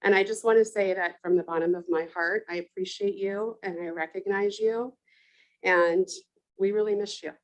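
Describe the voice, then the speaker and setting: A woman's voice: mid-range voice, fairly even intonation, normal speed, poor audio. A woman board director giving a heartfelt, earnest address to teachers and staff at a public meeting.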